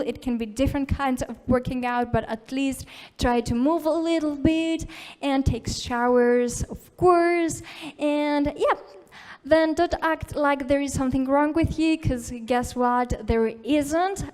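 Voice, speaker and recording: A woman gives a live talk in a conference hall at a tech conference, sounding encouraging and informal and using lots of "like" and "uh." Her voice sits high and is clear and resonant, a little mellow in tone.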